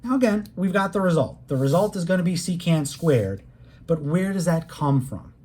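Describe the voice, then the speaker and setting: A math instructor delivering a recorded calculus lecture in a mellow, warm voice. The teacher talks plainly and directly to students, explaining each step with patience and leaning on key words to make them stick. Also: mid-range voice, expressive, moderate pace. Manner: plain conversational teaching, speaks straight to students.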